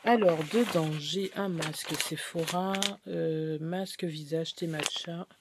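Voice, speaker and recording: A woman's voice: deep voice, steady tone, slow pace, very noisy. A woman beauty vlogger chatting through a haul video, rambling and hesitant as she shows items one by one.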